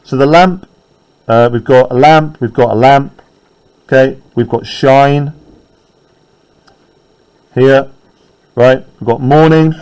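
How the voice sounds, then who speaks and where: A man teaching a poetry class in a classroom, chatty and explanatory. He keeps checking in with his students as he goes, in a mid-pitched voice. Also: slow pace, pauses often, a little mellow, smooth, low-quality recording. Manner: conversational, frequent tag questions.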